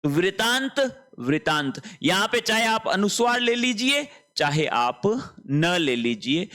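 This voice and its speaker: A man teaching an online lesson, explaining slowly, repeating words and checking that students understand. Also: fairly high pitch, pushed and bright. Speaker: Hindi teacher. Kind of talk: online exam-prep lesson.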